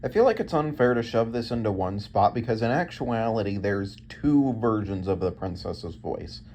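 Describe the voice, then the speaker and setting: A man's voice: lowish voice, expressive, moderate pace, music in the background. A man hosting a video, giving casual scripted ranking commentary. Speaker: video host.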